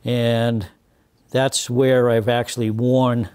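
A man in his sixties with a mellow, darker voice of middle height walks through a carving lesson at his workshop bench. He speaks deliberately, pausing on fillers and restarting phrases as he works. Close lapel-style sound. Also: mid-range voice, flat delivery, a little hiss or hum. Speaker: woodworking instructor. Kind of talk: hands-on demonstration.

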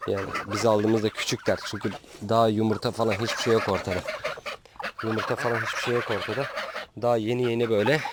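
A man with a lowish voice and flat delivery talks quickly while filming his small-farm vlog outdoors in a backyard farm. He chats casually with his chickens and geese, scolding and coaxing them. The outdoor recording picks up poultry noise, with chickens and roosters clucking in the background.

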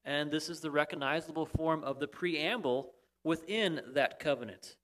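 A pastor with a rather high, fairly bright voice preaches at normal speed. He explains steadily, presses key points with occasional emphasis, and sometimes restarts his sentences.

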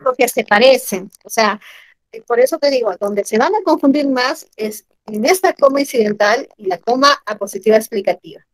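A woman teaching grammar in an online class, animated and asking her students questions often. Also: on the high side, normal speed, dry recording, poor audio.

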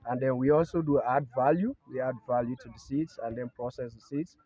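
A man's voice: medium pitch, fairly quick, dark tone, highs cut off. A man in his forties, a farm company head, explaining his work in an outdoor interview, hesitating often with ums. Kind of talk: field interview. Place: open rice field outdoors.

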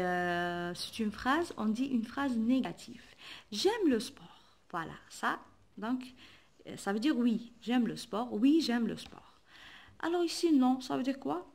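A woman's voice: a little high, expressive, measured pace, gravelly, darkish tone. A woman teacher, patiently explaining a workbook lesson and spelling letters aloud. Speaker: primary school teacher.

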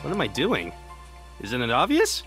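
An actor playing a brash, gluttonous young swordsman in a video game, talking loud and blunt. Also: medium pitch, huge pitch swings, moderate pace, music in the background. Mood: smug. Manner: loud, blunt, talks while eating.

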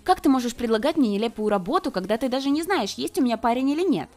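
Woman voicing a defiant sharp-tongued girl. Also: a little high, lively intonation, fast talker, voice pushed up, natural voice. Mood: indignant. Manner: indignant and sarcastic.

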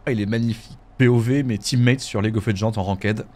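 A man commentating a horror game let's play in a jokey, animated way. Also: lowish voice, fast talker, slight background noise. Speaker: gaming YouTuber.

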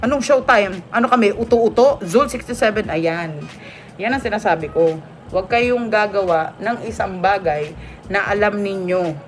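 Chatting casually on a live stream, a woman reads out comments from viewers and laughs a lot. She speaks at medium pitch and normal speed, recorded through a phone or webcam, with a little background noise.

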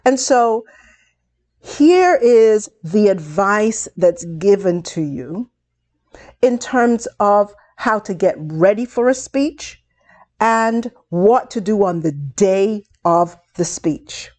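A woman instructor giving a video lesson on public speaking, speaking in a deliberate, encouraging way. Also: medium pitch, lively intonation, darkish tone.

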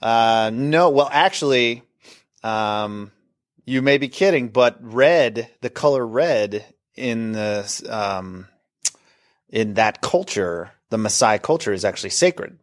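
A man's voice: mid-range voice, lively intonation, slow. A middle-aged man from Northern California, an actor guest chatting casually in an interview, rambling and self-deprecating with restarts.

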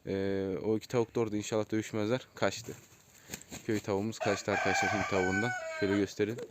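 A man's voice: fairly low pitch, flat delivery, fast talker. Man vlogging among clucking chickens. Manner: chatty, addresses viewers as friends, calls out to birds. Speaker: poultry keeper showing his coops. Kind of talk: casual vlog narration. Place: outdoor chicken coops in a yard. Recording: noisy outdoor audio with chickens clucking and roosters crowing. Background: hens clucking and roosters crowing.

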